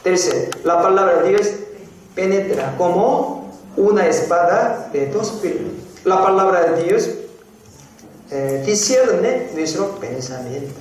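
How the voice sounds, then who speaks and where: Male pastor, slow deliberate sermon, distant mic, heavy hall echo, faint background noise. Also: sits high, expressive. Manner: slow, repeats phrases, frequent "eh?" prompts to the congregation. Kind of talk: sermon teaching. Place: church hall. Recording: very echoey hall, from far off.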